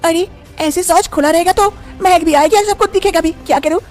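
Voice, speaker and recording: A woman voicing a frightened young village daughter-in-law in an animated story, who frets and talks to herself aloud. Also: very high-pitched, a little fast, soft background music. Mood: worried.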